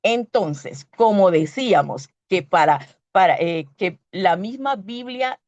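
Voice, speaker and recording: A woman's voice: mid-range voice, expressive, slow pace, darkish tone, no room sound. A Puerto Rican woman preaching a sermon, teaching earnestly and stopping to correct herself as she reads scripture. Her voice sits in an ordinary middle register. The sound is dry and a little dull. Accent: Puerto Rican Spanish. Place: church.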